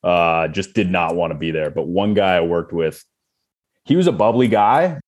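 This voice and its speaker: A man co-hosting a casual chat, animated, laughing often and acting out coworkers' complaints. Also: low voice, normal speed.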